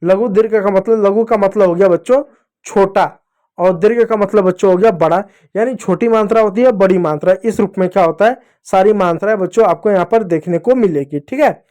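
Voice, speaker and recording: A man with a notably high voice teaches young children. He is patient and repetitive, drilling each sound and speaking straight to them. The tone is that of an everyday classroom lesson. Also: a little fast, a little mellow.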